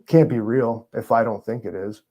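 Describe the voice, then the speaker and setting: A man talks as an interview guest, loose and rambling, full of fillers and sarcastic jokes. His voice is mellow and dark, sitting at an ordinary pitch for a man. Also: steady tone, moderate pace. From New York. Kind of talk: casual interview chat.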